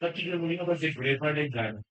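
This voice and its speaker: A male teacher lectures a class of students, his voice a little higher than most men's. He quizzes the students often and goes back over the main points, dropping English phrases into his explanations. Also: expressive, fast talker, a bit bright, low-quality recording. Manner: questions students, repeats key points, mixes English phrases. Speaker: chemistry teacher.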